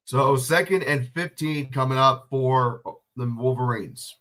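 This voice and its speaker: Here a man with a cold does relaxed play-by-play of a football match on his livestream, speaking a little slowly in a medium-pitched, slightly bright voice. He's sniffly and chatty, cursing freely and responding to viewers' chat questions.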